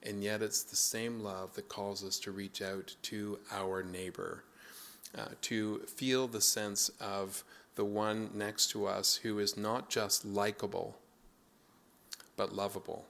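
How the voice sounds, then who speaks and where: A man's voice: on the low side, little pitch movement, vocal fry, fairly bright tone. A man preaching a sermon as pastor, telling a family story and then turning it into a reflective message. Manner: slow anecdotal storytelling that turns reflective.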